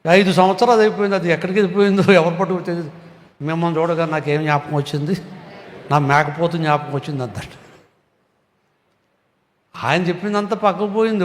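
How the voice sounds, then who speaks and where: A man preaching a sermon, swinging from loud rises to soft drops. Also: on the high side. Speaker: pastor. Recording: long hall reverb.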